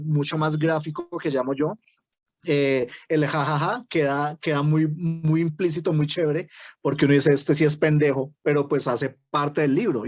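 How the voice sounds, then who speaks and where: A man's voice: a little high, a little mellow, no room sound, highs cut off. A man with a Bogotá Colombian accent teaching a writing workshop, explaining step by step and often checking in with "¿sí?". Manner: explains with many "¿sí?" checks and self-restarts. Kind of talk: online workshop lecture.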